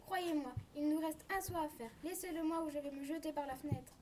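A woman's voice: high-pitched, fast, a little mellow, slight background noise, close to an everyday voice. A woman voicing a poor wife who longs for riches in a storybook reading, eager and dramatic. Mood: desperate.

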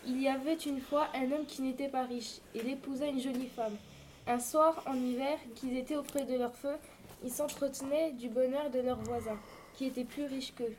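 A woman's voice: sits high, steady tone, moderate pace, a little mellow, slight background noise. A woman reading a fairy tale aloud, addressing young listeners as storyteller.

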